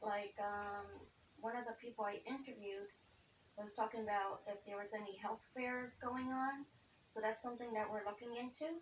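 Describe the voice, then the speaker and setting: A woman with a fairly high voice and fairly even intonation speaks at normal speed. Working as a community liaison, she asks interview questions informally and leans on "basically" and "okay." The recording is roomy and echoey, with a distant mic and faint hiss.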